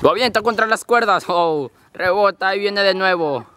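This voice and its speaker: A man voicing an excitable wrestling commentator, with exclamatory calls and repeated interjections. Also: high voice, moderate pace, a little hiss or hum, pitched below the performer's own voice. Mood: excited. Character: excitable male wrestling commentator calling a backyard match. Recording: loud music behind the voice.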